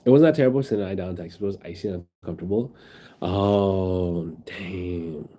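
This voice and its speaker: A sick, sniffly man rambles through a casual stream chat, reading out his viewers' messages with plenty of ums and likes. His voice sits a little low and sounds mellow and soft-edged, picked up on a phone. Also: brisk. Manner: rambling, reads chat aloud, many fillers.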